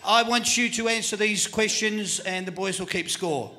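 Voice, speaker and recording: A man's voice: high voice, moderate pace. Upbeat Australian man hosting a quiz. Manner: energetic, joking, hurries contestants along. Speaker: quiz host on a live footy panel show. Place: live venue.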